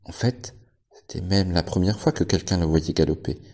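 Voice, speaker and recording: A male librarian reading a novel aloud in steady, measured narration. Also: deep voice. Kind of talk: audiobook narration.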